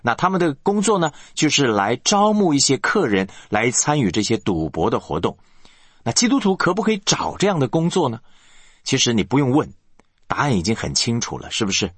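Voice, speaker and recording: Husky male pastor preaching animatedly. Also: mid-range voice, brisk, no echo. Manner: animated preaching with rhetorical questions to the congregation. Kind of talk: sermon.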